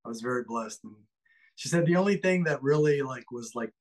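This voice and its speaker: A man from Ecuador talks easily as an interview guest, at a middle pitch. His speech is friendly and relaxed, and he pauses now and then to find his words. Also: low-quality recording. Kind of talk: casual interview conversation.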